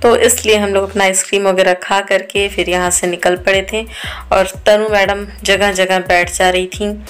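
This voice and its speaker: Over soft background music, an Indian vlogger in her thirties recounts her family's outing in a chatty, storytelling voice-over packed with fillers. She speaks at a moderate pace in a smooth, medium-pitched voice with a level tone.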